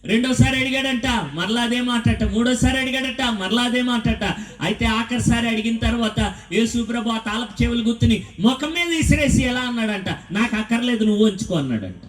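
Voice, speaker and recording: A man with a high voice preaches to his congregation, spinning stories and firing rhetorical questions at them. He sounds set back from the mic in a large, echoey church hall. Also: moderate pace, distant mic. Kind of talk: sermon.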